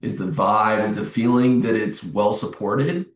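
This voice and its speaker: A man's voice: lowish voice, measured pace, distant mic. A man co-hosting a podcast, chatting casually and agreeably with hesitant restarts. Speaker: podcast co-host. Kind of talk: casual conversational chat. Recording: roomy echo, set back from the mic.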